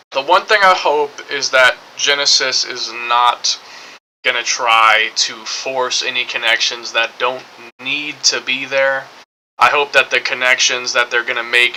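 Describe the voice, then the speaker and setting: A man's voice: mid-range voice, sharp tone, a little hiss or hum, poor audio. A man giving casual, rambling game commentary, hedging often and circling back over his points. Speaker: gaming streamer.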